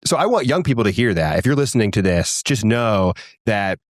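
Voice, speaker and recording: A man's voice: on the low side, very animated, a little fast, no echo. A man in his twenties, a guest in a studio conversation, talking in an earnest, encouraging way with some restarts. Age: 20s. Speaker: guest, young political organizer.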